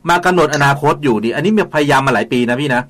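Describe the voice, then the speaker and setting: A man hosting a community radio talk show, polite and quick with short acknowledgments. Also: a little high, lively intonation, a bit bright. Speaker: radio host.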